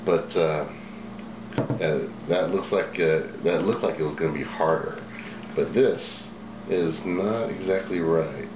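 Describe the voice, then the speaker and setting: Deep-voiced man rambling in an echoey room. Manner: rambling, plain-spoken, many fillers. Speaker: video host. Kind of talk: casual show-and-tell demonstration. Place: small indoor room at a table. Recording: echoey room, dull sound, background noise.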